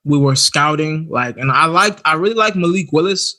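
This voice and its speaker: A man co-hosting a podcast in casual chat, animated and quick to laugh while complaining about his team. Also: a little high. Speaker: podcast co-host.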